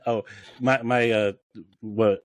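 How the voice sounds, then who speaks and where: A man's voice: mid-range voice, steady tone, takes it slowly, dry recording. A man on a podcast call, telling rambling stories with many restarts and laughing at his own jokes. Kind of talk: casual chat, storytelling.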